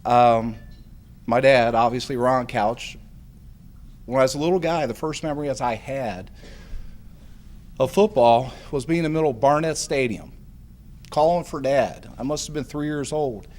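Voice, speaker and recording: A middle-aged man gives an acceptance speech. He rambles in a folksy way and keeps restarting his sentences, with plenty of fillers. His voice sits at an ordinary pitch for a man. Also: moderate pace, long pauses, a little mellow. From Hamilton, Ohio. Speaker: hall of fame inductee.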